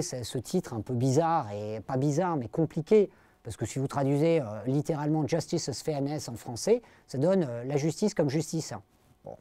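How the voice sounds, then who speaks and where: A middle-aged man with a fairly high-pitched but dark-toned voice gives an academic philosophy lecture, recorded with no echo. He explains things carefully and speaks directly to his listeners, hesitating often and filling pauses with fillers.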